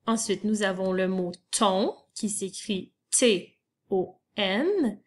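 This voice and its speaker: Slow, patient woman teaching spelling. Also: medium pitch, animated, slight background noise. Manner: patient, spells words letter by letter. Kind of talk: slow spelling lesson for children.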